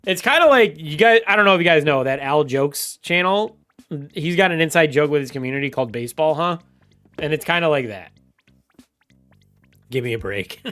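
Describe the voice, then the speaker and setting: A man's voice: on the high side, fairly bright tone. Rambling, laughing man streamer. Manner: rambling, laughs often, talks straight to chat. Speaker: game streamer. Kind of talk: casual livestream chat.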